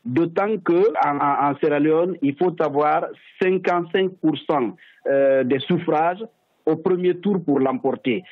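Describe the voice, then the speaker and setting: A man's voice: on the high side, a little slow, no echo. Hesitant man over a tinny phone line. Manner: thoughtful, hesitant, with restarts. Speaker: political analyst. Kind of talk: unscripted expert commentary.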